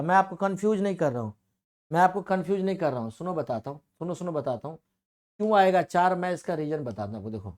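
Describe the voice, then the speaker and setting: A man's voice: high voice, darkish tone. Repetitive, coaxing male classroom teacher. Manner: repetitive, coaxing, asks and answers own questions. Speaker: coaching teacher. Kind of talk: classroom math lecture.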